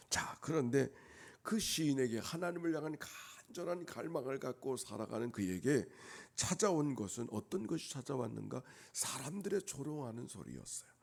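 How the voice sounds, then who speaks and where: A male pastor preaching an early-morning sermon. He drops to near-whispers, builds to loud emphatic peaks and repeats key phrases for emphasis. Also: medium pitch, vocal fry, husky.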